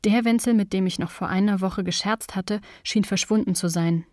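Woman, audiobook narration, measured, first-person, dry studio sound. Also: medium pitch, a little mellow, dry recording.

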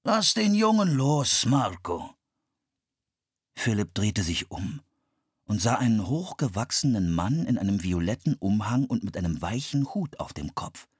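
A man reading a children's story aloud in a lively, expressive way. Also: fairly low pitch, normal speed, breathy edge, no echo, studio quality.

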